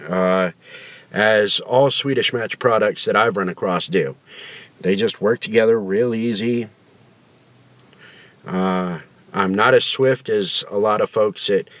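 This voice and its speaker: A man's voice: on the low side, unhurried, fairly bright tone, dry recording. A man giving a casual product review to camera in a folksy, rambling, colloquial way.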